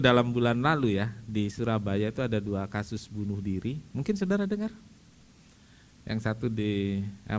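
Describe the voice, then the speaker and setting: A man preaching a sermon at a church service, animated and speaking straight to the congregation with frequent direct questions. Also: mid-range voice. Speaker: pastor.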